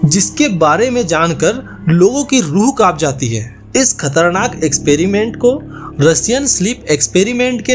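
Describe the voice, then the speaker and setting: A man hosting an explainer channel, narrating a scripted story and often addressing viewers as friends. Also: sits high. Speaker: YouTube channel host.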